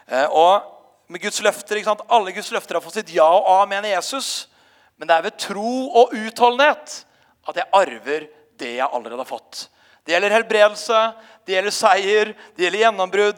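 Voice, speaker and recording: High-voiced male preacher in a reverberant hall. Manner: storytelling with frequent hesitations. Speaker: pastor. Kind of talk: sermon.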